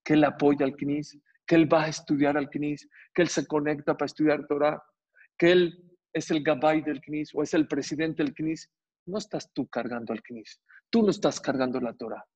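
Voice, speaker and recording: Husky, emphatic rabbi preaching. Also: male voice, fairly high pitch, moderate pace. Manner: animated, emphatic rises and repetition. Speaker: rabbi teaching a Torah class. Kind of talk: sermon. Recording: dull lo-fi recording.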